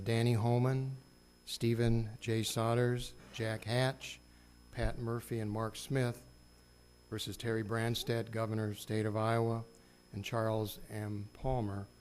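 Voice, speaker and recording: Flat, low-voiced male presiding judge. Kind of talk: formal courtroom address. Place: courtroom. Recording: faint hum and background noise.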